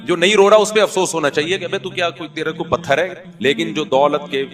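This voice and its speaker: A man, giving a lively, colloquial, joking sermon. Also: on the high side, fairly quick. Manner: animated, colloquial, joking storyteller. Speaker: Islamic preacher.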